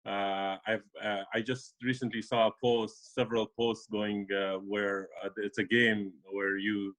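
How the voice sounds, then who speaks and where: A man's voice: lowish voice, level tone, unhurried, a bit bright, low-quality recording. A man from Afghanistan, an immigration lawyer guest, talking casually in an interview with many fillers and restarts.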